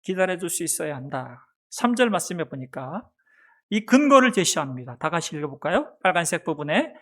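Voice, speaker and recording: Pastor preaching, asking and answering. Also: male voice, fairly high pitch, big pitch swings, a little fast. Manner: asks the congregation questions and answers them himself; acts out a mother's soft baby talk. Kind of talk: sermon. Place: church sanctuary.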